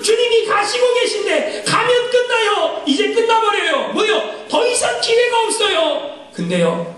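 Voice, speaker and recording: High, lively preacher in an echoey church. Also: male voice. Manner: animated preaching with rhetorical questions to the congregation; bursts into shouted quotes of scripture. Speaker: pastor. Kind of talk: sermon. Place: church sanctuary. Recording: echoey church hall, mic at a distance.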